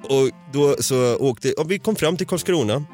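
A man's voice: medium pitch, faint music behind. A man from Sweden telling a story in a casual podcast chat, swearing often and laughing as he goes. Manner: swears a lot, animated retelling with laughter.

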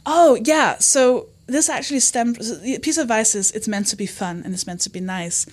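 A woman's voice: on the high side, normal speed. A woman comedian and author talking openly as an interview guest, often acting out quoted remarks in her own voice. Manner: candid, animated, quotes herself and others. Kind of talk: conversational interview.

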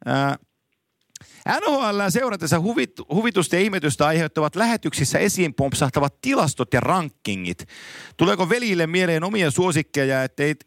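A man hosts a relaxed talk show, spinning anecdotes and laughing along with them. His voice sits a little high. The sound is close and dry. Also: no echo. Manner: lively storyteller, laughs easily. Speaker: podcast host. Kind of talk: casual chat.

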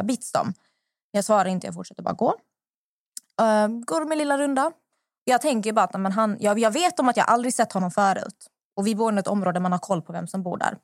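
A young woman hosting a podcast, telling a personal story in a lively, animated way. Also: medium pitch, vocal fry, no room sound, clean studio sound. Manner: animated anecdote-telling, acts out what others said. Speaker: podcast host. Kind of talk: casual storytelling.

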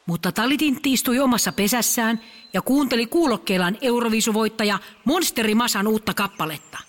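A woman narrating a children's audio story in a lively storytelling way. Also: on the high side, big-room sound.

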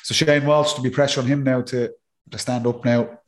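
A man's voice: medium pitch, little pitch movement, fairly quick. A man with an Irish accent giving casual match analysis and banter as a podcast pundit. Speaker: sports podcast pundit, former player.

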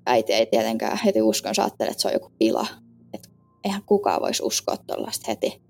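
A woman earnestly retelling a personal experience in casual speech, halting with fillers and often sinking low and soft at the ends of phrases. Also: big pitch swings, gravelly, breathy edge, soft background music. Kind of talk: personal story told in casual spoken Finnish.

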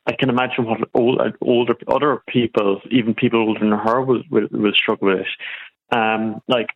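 Male phone-in caller, west of Ireland Kerry accent, lower-pitched, halting opinion talk, muffled lo-fi sound. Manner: hesitant, stumbling with repeated words. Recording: dull lo-fi phone-in line.

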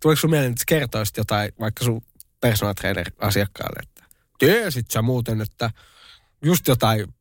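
A man's voice: mid-range voice, lively intonation, no room sound, studio quality. A man co-hosting a podcast in casual chat, joking, swearing and mimicking others. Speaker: podcast co-host.

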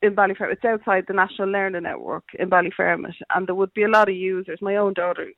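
Middle-aged Dublin man, casual radio caller, gravelly high-pitched voice over a tinny telephone. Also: fairly even intonation, fast, dry recording. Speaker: phone-in caller. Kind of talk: casual chat. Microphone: phone. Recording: tinny, dry phone line.

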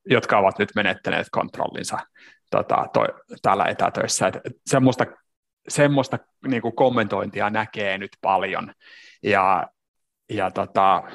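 A man's voice: fairly low pitch, fairly bright tone. A man co-hosting a podcast, talking reflectively about workplace culture in a casual discussion. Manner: reflective, with many restarts and fillers. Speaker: podcast co-host.

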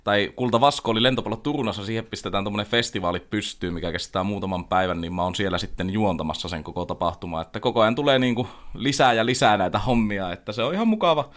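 A man who works as a sports announcer, talking casually about his work with frequent pauses and fillers. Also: fairly low pitch. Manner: hesitant, many fillers, steady. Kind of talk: casual chat.

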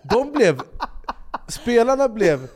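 A man co-hosting a podcast in casual chat, animated and swearing, acting out quotes in loud raised voices. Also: very high-pitched. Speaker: podcast co-host.

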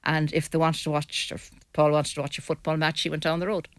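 A woman's voice: deep voice, level tone, quick pace, dry recording. An older woman with a west of Ireland accent, talking casually and bluntly as a guest on a panel discussion. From Mayo, west of Ireland.

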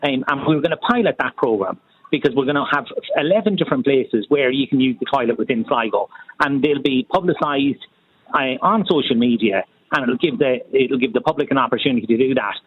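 Male radio guest, Irish accent, slightly raspy middle-pitched voice, chatting over a dry, narrow phone line. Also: fairly quick, no echo. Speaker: restaurant owner, interview guest. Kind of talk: conversational radio phone interview.

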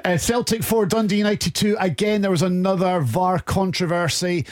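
A Scottish male podcast co-host with a voice a little higher than most men's. He chats casually about football, teases freely and gives blunt opinions. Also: steady tone, normal speed. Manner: teasing, opinionated. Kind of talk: casual chat and football commentary.

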